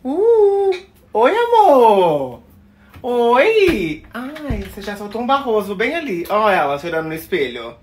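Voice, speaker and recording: A young Brazilian man, chatting on casual phone stories and coaxing a pet in a sweet, expressive voice, indoors at home. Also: high-pitched, normal speed, few pauses, slight background noise. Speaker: influencer. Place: indoors at home, apartment rooms. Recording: echoey room.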